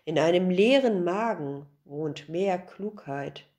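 A woman voicing a wise, gentle old male master who speaks in a calm, measured way in a storybook tale. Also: on the low side.

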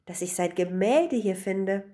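A woman's voice: mid-range voice, measured pace, mellow, natural voice. A woman voicing an earnest young husband in a storybook tale.

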